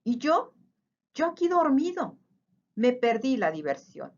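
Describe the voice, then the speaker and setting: A big storybook bear, put on by a woman reading aloud, sulky and whimpering, with a whiny voice that climbs high. The sound is a touch dull and lo-fi. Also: sing-song, unhurried, exaggerated voice. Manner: whiny, sobbing.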